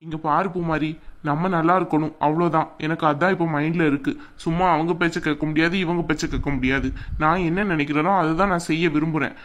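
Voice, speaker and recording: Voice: medium pitch, fairly even intonation, quick pace, fairly bright tone, lightly acted. An actor voicing a stubborn young husband in a family drama skit, insistent and dismissive. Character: stubborn young husband set on buying land.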